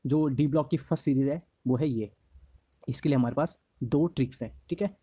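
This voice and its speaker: A male teacher with a slightly hoarse throat, giving a lesson on memory tricks. He repeats each mnemonic slowly and keeps checking in with the class. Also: mid-range voice, mellow, dry recording. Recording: dry, slightly dull lo-fi recording.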